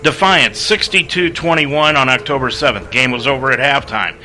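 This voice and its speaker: A man calling a college football pregame radio broadcast as play-by-play announcer, briskly reading scores, stats and lists of names. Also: mid-range voice, sharp tone, low-quality recording.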